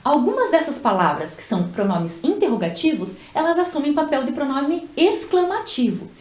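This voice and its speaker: Lively, high-voiced woman teaching Spanish. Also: reverberant. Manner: slow, carefully articulated model phrases with pauses. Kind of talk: language lesson with repeat-after-me drills.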